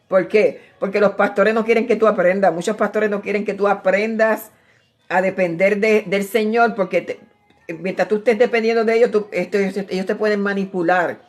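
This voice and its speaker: A woman, preaching informally and telling her own testimony. She speaks straight to the listener, repeating phrases and calling them brother. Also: mid-range voice. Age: 60s.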